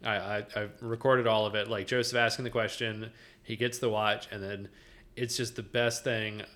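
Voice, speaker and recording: A man's voice: lowish voice, level tone, moderate pace, pushed and bright. A man co-hosting a podcast, chatting casually and enthusiastically, rambling with frequent restarts. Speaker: podcast co-host. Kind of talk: casual chat.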